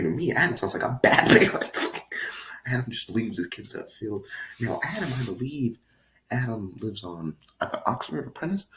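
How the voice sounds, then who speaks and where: A man's voice: fairly low pitch, fairly bright tone, a little hiss or hum, poor audio. Rambling, giggly male vlogger. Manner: rambling, giggly, keeps drifting off track and addressing "guys". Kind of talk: storytime vlog.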